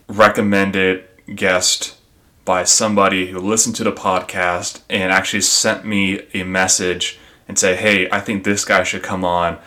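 A man's voice: low voice, sharp tone. A man hosting a podcast in an informal, conversational way, speaking to his listeners and guest. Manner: informal, addresses listeners as guys. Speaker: podcast host.

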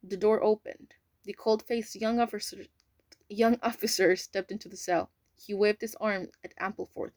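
Lady reading a novel out loud, casual, a few slips, dry close sound. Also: mid-range voice, steady tone, normal speed, no echo. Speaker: audiobook reader. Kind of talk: audiobook narration.

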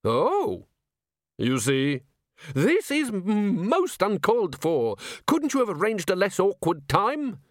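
A man voicing the ghost of a fussy male museum curator with a squeaky, trilling voice and a prim, indignant manner. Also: wildly swooping pitch, slow, no room sound, studio quality, heavily acted.

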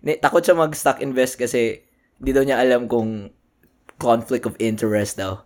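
A man's voice: medium pitch, steady tone, moderate pace, a little mellow. A man co-hosting a casual podcast, chatting in slangy mixed Tagalog and English, swearing often and laughing easily. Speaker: podcast co-host. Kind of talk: casual chat.

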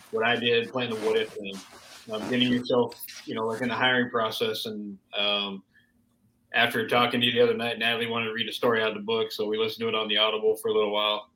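A man talks openly about his career in a relaxed interview, dropping casual curses as he tells his story. His voice has a bright edge, and the room around him rings with echo. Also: mid-range voice. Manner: frank storyteller, swears casually. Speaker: police officer and author. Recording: roomy echo.

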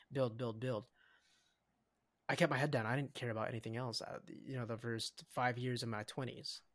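A young adult man co-hosting a casual podcast, talking in an animated, rambling way with frequent restarts. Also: mid-range voice. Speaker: podcast co-host. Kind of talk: casual chat.

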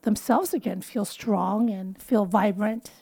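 A woman's voice: mid-range voice, takes it slowly, creaky, dark tone, slightly rough. A woman in her fifties, a physician guest in an interview, explaining her work in an earnest way. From United States. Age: 50s. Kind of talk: interview conversation.

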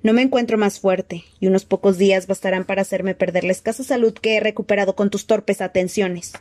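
Woman doing a cold dark-lord man, slow soft hissing threats, mellow dark tone, storybook reading. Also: mid-range voice, steady tone, dry recording, close to an everyday voice. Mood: menacing.

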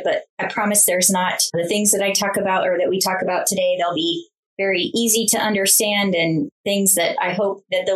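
Woman, interview guest, military leader, conversational, medium pitch. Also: fairly bright tone, rough recording.

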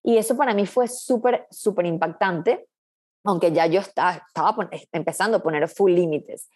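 A woman's voice: on the low side, normal speed, darkish tone, breathy edge. A woman coach, a guest in a casual interview, talking in an earnest, reflective way with frequent restarts.

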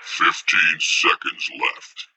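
A man voicing an automated collect-call operator from hell, heard as a recorded message over a phone line, in a slow, formal, scripted manner. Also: distant mic, over music.

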